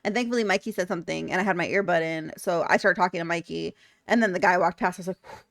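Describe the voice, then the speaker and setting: A woman's voice: lowish voice, quick pace, vocal fry, no room sound, studio quality. A young woman streaming live, chatting candidly with her viewers, blunt and laughing often. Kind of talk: casual chat reading viewer comments.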